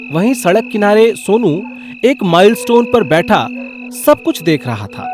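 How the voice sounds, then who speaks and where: A man narrating a scripted comic horror story in a wry, lively manner. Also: fairly high pitch.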